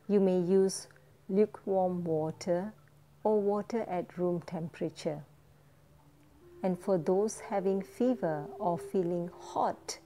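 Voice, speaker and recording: A woman teaching a guided foot-soak meditation, giving gentle step-by-step instructions. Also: fairly low pitch.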